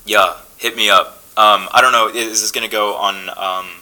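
A young man, an actor, talking casually as a podcast guest, relaxed and chatty with many fillers and restarts. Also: on the low side, normal speed, low-quality recording.

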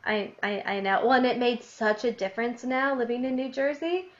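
A woman's voice: a little high, a little fast. A young woman hosting a podcast, chatting casually and giggling as she reads from her childhood diary. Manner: giggly, animated, laughs often between readings. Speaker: podcast host. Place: lives in New Jersey, grew up in Illinois. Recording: dull lo-fi podcast audio.

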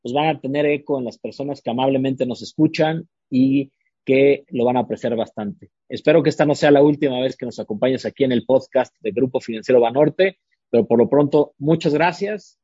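A man's voice: medium pitch, fairly quick, dark tone, slightly rough, no room sound, lo-fi sound. A man hosting a podcast, chatting casually about books with frequent fillers and restarts. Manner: hesitant, many fillers and restarts. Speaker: podcast host. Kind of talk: casual book-recommendation chat.

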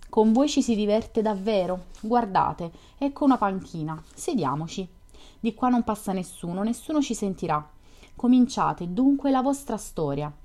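A woman reading an audiobook, voicing a lively, curious young woman who chats and teases with questions. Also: medium pitch, close to an everyday voice. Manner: chatty, teasing, questioning.

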